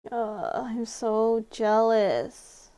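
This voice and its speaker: A woman's voice: a little high, extremely slow, warm tone, smooth. A woman streamer voicing a tipsy, clingy young woman in a visual novel, with a slurred drunk drawl. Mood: drunk whiny. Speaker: game streamer. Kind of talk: reading a visual novel role aloud.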